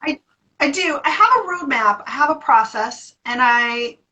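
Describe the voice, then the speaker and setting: An American woman, a voice therapist, answering interview questions in a playful, animated way. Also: a little high, moderate pace, lo-fi sound.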